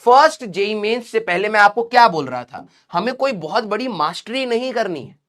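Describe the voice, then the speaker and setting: A man's voice: sits high, expressive, moderate pace, a bit bright. A male coaching teacher gives a motivational lecture to his students. He speaks directly and in a fatherly way, drilling the same points home again and again. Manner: fatherly and direct, calls students 'beta', repeats key points.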